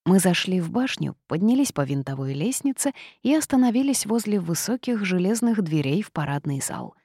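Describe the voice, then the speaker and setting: A woman's voice: on the low side, big pitch swings, normal speed, dark tone, slightly rough, no echo, studio quality. A woman reading a first-person storybook narration aloud in a wry, sardonic manner. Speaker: audiobook narrator.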